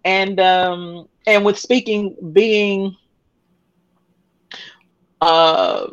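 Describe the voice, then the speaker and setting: A woman's voice: mid-range voice, steady tone, drawn-out words, dry recording, highs cut off. A woman in her thirties, a podcast guest telling her story candidly, rambling with many fillers and restarts and laughing often. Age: 30s.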